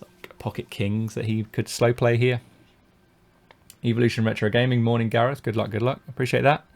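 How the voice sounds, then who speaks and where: With a fairly low, creaky voice, a British man who coaches poker gives casual commentary on his own live-streamed tournament play. He talks through each decision, thinking aloud with many fillers and restarts.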